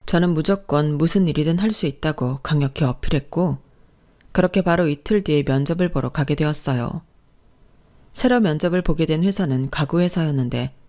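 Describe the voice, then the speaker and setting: Middle-aged woman narrator, low voice, calm scripted first-person storytelling.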